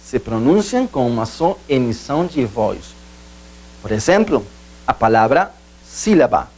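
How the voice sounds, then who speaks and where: A man giving a video language lesson, explaining slowly, repeating himself, and stressing key points. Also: mid-range voice, very animated, a little mellow. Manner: slow, repetitive, emphatic teacher's explanations. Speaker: Portuguese teacher.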